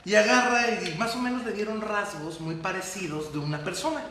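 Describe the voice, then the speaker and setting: A Mexican man with a high, bright voice leads a loose podcast chat, spinning history stories in slangy, irreverent fashion. His voice rings off the walls of a very echoey room. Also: brisk, a little hiss or hum. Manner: animated storytelling, slangy and irreverent. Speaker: podcast host and storyteller. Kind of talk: casual group chat.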